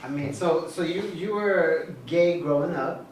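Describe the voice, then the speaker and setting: A man's voice: a little high, unhurried. A man interviewing a guest, asking direct and encouraging questions. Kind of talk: casual interview. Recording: roomy, distant mic, faint noise.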